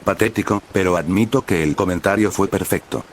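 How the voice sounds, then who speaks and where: A man's voice: deep voice, fairly quick, a little hiss or hum, lightly acted. A man voicing a tired adult male teacher with a dry, weary manner.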